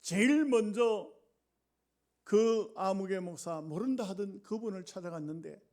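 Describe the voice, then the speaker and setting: A male pastor preaching a sermon, telling a story dramatically and often letting his voice sink low and quiet. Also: measured pace.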